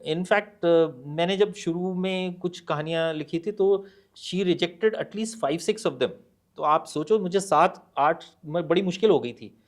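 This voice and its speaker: Slow, measured middle-aged man. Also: high voice. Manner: measured and deliberate, with many hesitations in chat; mixes Hindi and English. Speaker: guest author. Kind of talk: podcast interview, reading a poem aloud.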